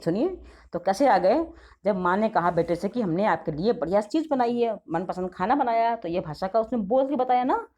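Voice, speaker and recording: A woman's voice: fairly high pitch, dark tone. A middle-aged woman teacher explaining grammar to schoolchildren, patient and affectionate. She repeats the key points and often calls her pupils "beta".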